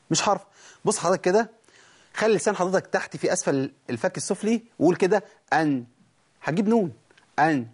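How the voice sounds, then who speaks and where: A man's voice: fairly high pitch, slightly rough. A man with an Egyptian accent teaching a tajweed lesson, asking and answering his own questions and demonstrating letter sounds. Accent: Egyptian Arabic. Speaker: Quran recitation teacher.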